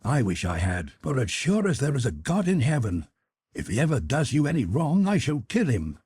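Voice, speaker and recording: A man's voice: medium pitch, huge pitch swings, normal speed, darkish tone, husky, dry recording, studio quality, pitched above the performer's own voice, heavily acted. A man doing a sullen, jealous teenage boy. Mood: intense.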